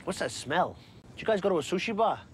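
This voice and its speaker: A middle-aged New mob boss in a TV drama. He is domineering and mocking, with a slightly high voice. He is outdoors with light noise around him. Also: big pitch swings, fast talker. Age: 40s. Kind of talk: television drama acting.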